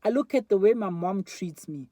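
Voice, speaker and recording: A man's voice: high voice, animated, moderate pace, warm tone, no echo. A man in his twenties with a South African accent, rambling candidly to a phone camera in a casual reflective monologue. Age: 20s. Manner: rambling and candid, many fillers. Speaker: vlogger. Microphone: phone front camera.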